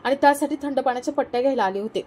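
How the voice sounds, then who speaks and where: A dutiful young daughter-in-law speaks meekly and reassuringly, as a woman narrator voices her. Her voice is soft, mellow and fairly high. She sounds devoted and calm. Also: rapid-fire, a little hiss or hum, lightly acted. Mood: gentle. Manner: meek, reassuring.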